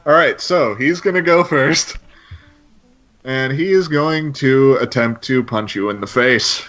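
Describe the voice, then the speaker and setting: A man's voice: medium pitch, a little slow, a bit bright. A man narrating a tabletop game as game master, laying out each scene step by step in an easygoing way. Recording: dull lo-fi stream audio with faint music.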